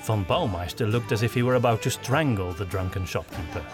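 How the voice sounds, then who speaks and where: Man, lower voice, measured audiobook narration, faint music behind. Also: animated. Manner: measured storytelling, doing all the voices.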